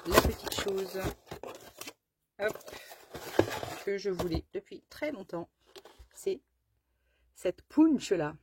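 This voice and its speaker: A woman's voice: medium pitch, animated, slow, long pauses, heavy background noise. A woman chatting casually through a haul of her craft supplies, rambling with lots of fillers and restarts and fumbling English product names. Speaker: craft vlogger. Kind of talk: casual haul show-and-tell.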